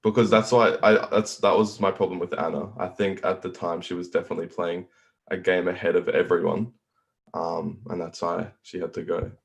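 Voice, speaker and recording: An eighteen-year-old man talking on a video call in a very deep, gravelly voice. He lays out his strategy earnestly and at length. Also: little pitch movement, moderate pace, highs cut off. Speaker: contestant. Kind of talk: casual video call chat.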